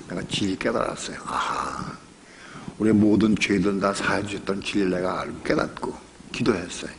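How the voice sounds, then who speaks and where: A man's voice: fairly low pitch, background noise. An older man preaching a sermon as pastor, talking conversationally and emphatically, with rhetorical questions, repeated phrases and personal stories.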